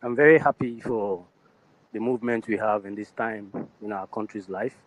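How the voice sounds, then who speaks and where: Hesitant man, low voice. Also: moderate pace, low-quality recording. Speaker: participant asking a question. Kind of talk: casual online meeting talk.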